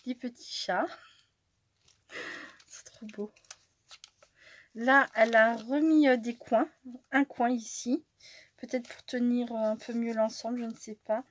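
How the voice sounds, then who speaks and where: A French-speaking woman chatting casually as she opens her mail, easily delighted, laughing often and sometimes dropping to a soft whisper. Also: on the high side, steady tone, measured pace, long pauses. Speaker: crafting channel host. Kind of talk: casual chat while opening mail.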